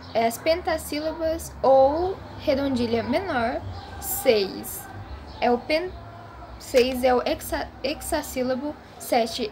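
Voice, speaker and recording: A woman giving a homemade video lesson, slow and deliberate, repeating example words syllable by syllable. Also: high voice, slight background noise. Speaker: student presenting a class assignment.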